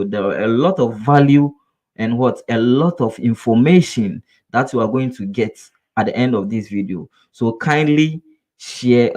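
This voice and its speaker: Speaking with a mid-range, darkish-toned voice, a trading instructor from Ghana leads a live webinar in Ghanaian-accented English. He earnestly coaches his viewers, often repeating points and asking rhetorical "what?" questions.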